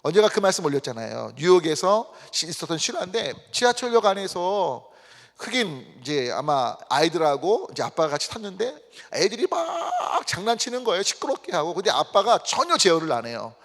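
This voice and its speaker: A man's voice: a little high, very animated, a little fast, a bit bright. A male pastor giving a sermon, often asking the congregation questions and acting out the people in his stories. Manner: asks the congregation questions and acts out quoted people. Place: church sanctuary. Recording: long church reverb.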